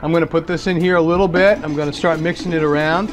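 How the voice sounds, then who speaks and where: A middle-aged man from Massachusetts, USA, with a local accent, hosts dinner guests and chats casually through each cooking step, laughing at himself now and then. His voice runs on the high side, with a steady tone and a quick pace. Music plays behind him.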